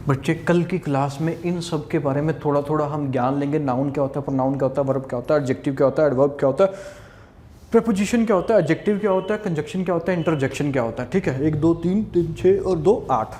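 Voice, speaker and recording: A man's voice: on the high side, quick pace, warm tone, a little hiss or hum. Chatty Indian man teaching English grammar. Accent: Haryanvi Hindi. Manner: chatty, addresses students as "bachche", repeats "theek hai". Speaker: English teacher for exam prep. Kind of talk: classroom lecture in Hindi with English terms. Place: classroom at a whiteboard.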